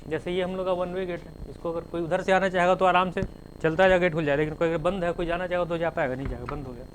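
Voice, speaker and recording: A man's voice: on the high side, steady tone, racing, a little hiss or hum, low-quality recording. A male teacher giving a classroom lecture, spelling terms out letter by letter and explaining with everyday examples.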